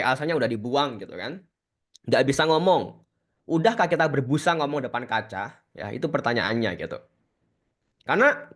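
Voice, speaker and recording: A man's voice: a little high, fairly bright tone. A young man giving a casual, slangy and emphatic motivational talk as a webinar speaker over a video call.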